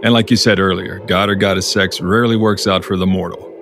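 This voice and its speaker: A man's voice: low-pitched, fairly even intonation, brisk, a bit bright, a little hiss or hum. A man co-hosting a podcast in casual banter, teasing and wisecracking. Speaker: podcast co-host.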